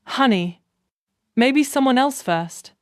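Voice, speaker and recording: A woman's voice: high-pitched, animated, slow pace, no room sound, studio quality, voice pushed up. A woman reading the lines of a caring elderly woman in a story narration. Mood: gentle. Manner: gentle, soothing.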